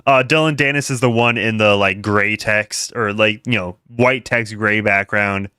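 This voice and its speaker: A man's voice: lowish voice, steady tone, unhurried, bright, forceful tone, clean tone, no echo, clean studio sound. Laughing, rambling young man streamer. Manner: rambling, laughs often, frequent fillers and restarts. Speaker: commentary streamer. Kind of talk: casual livestream commentary.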